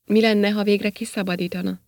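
A woman's voice: mid-range voice, little pitch movement, a little mellow, close to an everyday voice. A woman voicing a weary, sarcastic male astronaut in an audiobook, speaking in a dry, put-upon way. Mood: fed up. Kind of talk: audiobook character reading.

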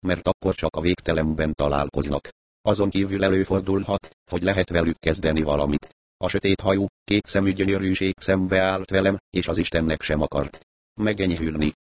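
Deep-voiced man narrating a wry crime novel. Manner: dry, wry, even storytelling. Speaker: audiobook narrator. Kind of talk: first-person novel narration.

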